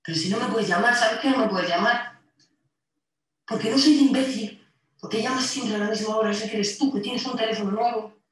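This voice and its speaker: An actress voices a harassed woman from Spain, tense and pleading as she argues with her ex through the intercom. Her voice sits high. The clip is played back from a distance, echoing heavily through a large hall. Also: a little fast, natural voice. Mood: exasperated. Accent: Spain Spanish. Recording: echoey distant playback in a hall.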